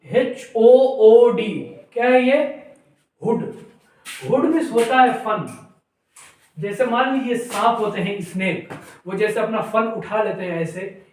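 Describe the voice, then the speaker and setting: A man teaching an English phonics lesson to his viewers. He spells each word out slowly, letter by letter, then asks his viewers what it is and answers himself. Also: high-pitched. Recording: very echoey room, voice from a distance.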